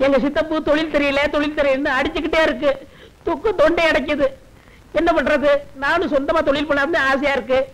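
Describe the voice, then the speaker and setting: An actor playing a cheeky, simple-minded young nephew in a film, answering back bluntly. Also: male voice, extremely high pitch, poor audio. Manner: cheeky, blunt, rapid deadpan retorts.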